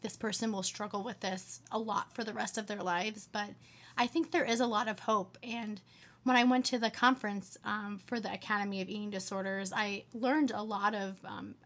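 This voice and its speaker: A young woman in her twenties, a medical student answering interview questions earnestly with many fillers. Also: medium pitch. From United States.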